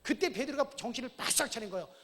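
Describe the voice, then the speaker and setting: A man delivers a church sermon in a bright, ringing voice. He keeps prompting the congregation with short questions and swells into forceful commands. Long reverb from the sanctuary hangs behind him. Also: extremely high pitch, expressive, rapid-fire. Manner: asks the congregation "어?" often, shouts commands at Satan. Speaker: pastor.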